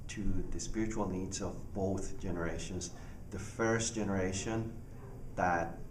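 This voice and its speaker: A man, a pastor speaking earnestly about his ministry with halting restarts. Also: low voice. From Panama. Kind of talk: personal ministry testimony. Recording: echoey room, far from mic, audible noise.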